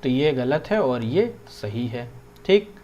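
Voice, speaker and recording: A man's voice: mid-range voice, sing-song, slow, a little mellow. A young man explaining Hindi grammar in a casual lesson, often checking in with his listeners and mixing in English words. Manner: conversational, keeps checking in with "theek hai". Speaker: exam prep teacher.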